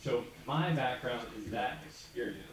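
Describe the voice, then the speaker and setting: A man moderating a panel discussion in a relaxed, conversational way. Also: mid-range voice, moderate pace, a little hiss or hum. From United States. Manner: relaxed, conversational, informal fillers. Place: large conference hall. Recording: echoey hall from far off with audience.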